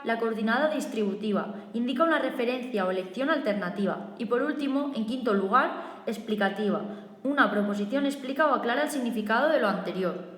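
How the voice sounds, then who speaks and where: A female teacher with a Spanish accent reading a recorded review lesson in a steady, methodical way, listing points one by one. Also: a little high. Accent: Spain. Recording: echoey room with long reverb.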